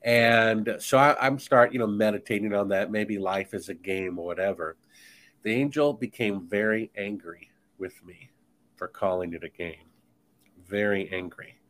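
A man's voice: lowish voice, normal speed, a bit bright. A man speaking as a guest author in a podcast conversation, talking in an emphatic, insistent, preachy way.

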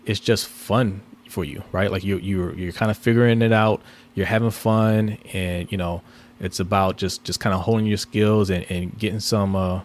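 Low-voiced man chatting about basketball. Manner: relaxed, rambling, repeats words. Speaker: podcast co-host. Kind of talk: casual sports podcast chat.

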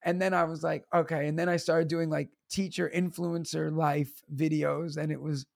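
New teacher with a gravelly voice. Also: male voice, on the high side, moderate pace, no room sound, clean studio sound. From United States. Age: 30s. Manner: animated, laughing, acts out voices in his stories. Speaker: teacher and stand-up comedian, guest. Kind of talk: casual storytelling interview.

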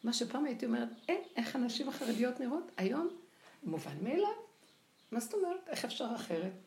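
An older woman giving a lively spoken religious lecture, acting out the voices she quotes. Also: on the high side. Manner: animated, acts out quoted voices. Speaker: religious teacher. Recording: echoey room with faint noise.

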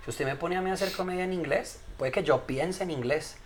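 A man's voice: on the high side, brisk, a little hiss or hum. A man, a comedian guest making emphatic points in a casual podcast chat. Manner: emphatic, lecturing, tells jokes.

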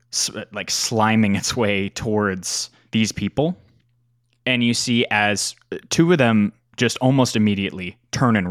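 A man narrating a tabletop game as game master, describing scenes in an unhurried way. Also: on the low side, no echo, studio quality.

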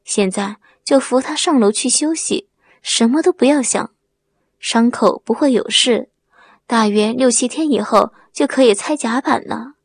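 A woman voicing a young village man who speaks in a gentle, reassuring way in a storybook reading. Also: on the high side, unhurried, slightly rough, dry recording. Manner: gentle, solicitous tone. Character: young male villager, outwardly caring and reassuring.

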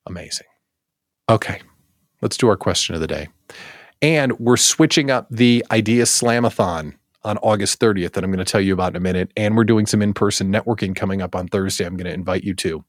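An American man hosts a daily live show for small business owners, chatting playfully with his audience and repeating words for comic emphasis. His voice is lowish and a little fast. The studio sound is clean, with no echo.

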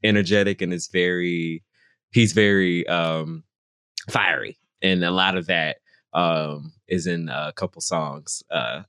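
A man's voice: low voice, steady tone, slow pace, a bit bright, clean tone, no echo, studio quality. A young man, a singer-songwriter guest, chatting casually in an interview and filling his talk with "like" and "you know". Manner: rambling, full of "like" and "you know" fillers.

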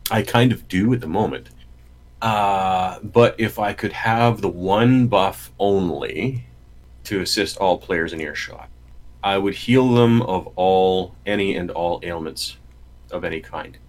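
Joking man on a podcast, low voice. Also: a little slow. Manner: joking, playful. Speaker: podcast co-host. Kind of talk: casual podcast chat.

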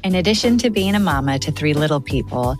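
A woman with a very low voice narrates a podcast in a calm, measured, scripted way. Music plays clearly underneath her narration. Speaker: podcast host.

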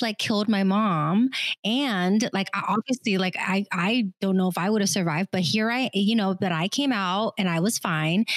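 A middle-aged woman from Vietnam, co-hosting a podcast, telling a personal story in an animated way with quick asides. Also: mid-range voice, no room sound. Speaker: podcast co-host. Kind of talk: casual conversation.

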